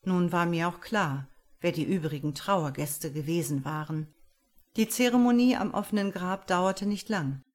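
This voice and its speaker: A woman with a fairly low voice narrates an audiobook in a measured, expressive storytelling manner.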